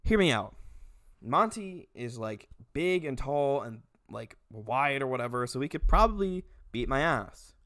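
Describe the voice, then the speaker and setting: A man's voice: mid-range voice, sing-song, unhurried, fairly bright tone, no room sound, studio quality. A young man in a casual comedy vlog, ranting animatedly with lots of swearing and laughter. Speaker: video creator.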